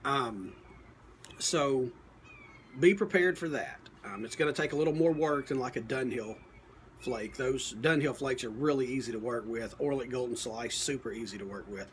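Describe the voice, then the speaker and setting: A man giving a casual, unscripted product review, thinking aloud in a halting, folksy, plain-spoken way. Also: mid-range voice, slight background noise. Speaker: pipe tobacco reviewer.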